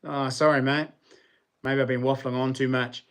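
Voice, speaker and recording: A man with a New Zealand accent hosts a casual livestream in a medium-pitched voice. He rambles along informally, using plenty of relaxed slang as he chats to his viewers. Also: normal speed. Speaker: livestream host.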